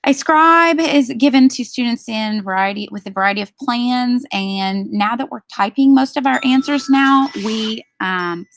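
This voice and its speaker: Woman presenter for a staff training, mid pitch, slightly gravelly, steady and explanatory, dry sound. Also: a little slow, few pauses, no room sound. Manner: explanatory, steady, with frequent ums.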